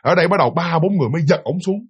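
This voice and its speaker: A man narrating a ghost story in an animated, dramatic way, speaking directly to his listeners. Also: fairly high pitch, racing, breathy edge.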